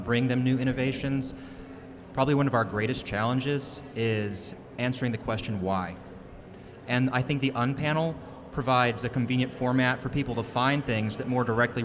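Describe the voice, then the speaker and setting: A man from Texas, an instructional coach, giving thoughtful, measured answers in an interview. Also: mid-range voice, noisy background. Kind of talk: conference interview. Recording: crowd chatter behind.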